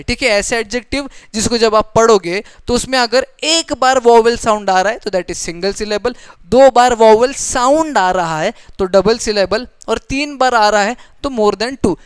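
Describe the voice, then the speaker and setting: Patient smooth-voiced woman teacher. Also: on the high side, no echo. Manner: patient, repeats points and checks understanding. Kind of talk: grammar lesson mixing Hindi and English.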